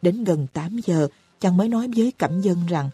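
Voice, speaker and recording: Woman narrator for an audiobook, low husky tone, dry close mic with faint music underneath. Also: animated, dry recording. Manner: reads slowly and evenly, raising her voice for characters' cries. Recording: dry close recording with soft music behind.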